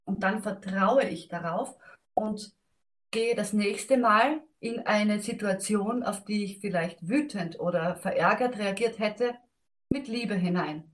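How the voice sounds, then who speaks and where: A woman speaking gently and reflectively about letting go of anger, thinking aloud as she goes. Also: medium pitch, slow pace. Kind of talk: calm talk on self-help and letting go.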